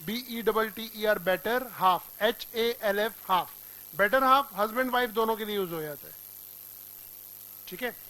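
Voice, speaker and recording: A man's voice: high voice, measured pace, fairly bright tone, rough recording. A man teaching English vocabulary to a class, drilling pronunciation and quizzing students with repeated questions.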